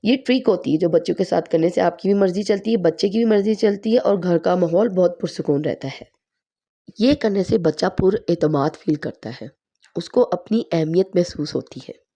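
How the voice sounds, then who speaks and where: Hoarse woman giving calm parenting advice. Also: fairly low pitch. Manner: calm, explanatory advice-giving, pausing on numbered points. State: hoarse from a sore throat. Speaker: parenting vlogger. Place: at home.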